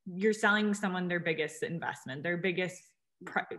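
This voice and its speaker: A woman hosting a casual podcast interview, talking warmly with many "like" fillers. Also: lowish voice, normal speed. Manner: friendly, lots of "like" fillers. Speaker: podcast host.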